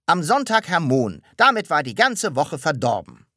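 A woman's voice: deep voice, very animated, normal speed, sharp tone, dry recording, clean studio sound, pitched above the performer's own voice, full character voice. A woman voicing a fussy, gloomy grown man who complains in a plaintive, exasperated way. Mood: aggrieved.

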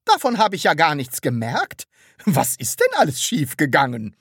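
A woman's voice: mid-range voice, huge pitch swings, normal speed, fairly bright tone, dry recording, clean studio sound, voice pushed up. A woman voicing a nosy, impatient middle-aged landlady who pries and reproaches. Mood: prying. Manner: curious, prying, reproachful.

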